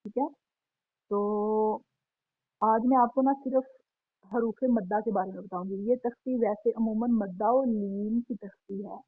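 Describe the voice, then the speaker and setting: Husky woman teaching tajweed over tinny audio. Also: mid-range voice, steady tone, dry recording. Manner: patient, repeats points and asks "ठीक है"; stretches out sample syllables slowly. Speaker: Quran recitation teacher. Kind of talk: online tajweed lesson. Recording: tinny phone-like sound, dry.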